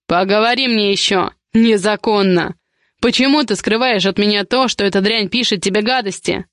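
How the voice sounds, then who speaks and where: A woman voicing a domineering, possessive young man who gives low, menacing commands in an audiobook romance. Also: moderate pace, a bit bright, dry recording, studio quality, lightly acted.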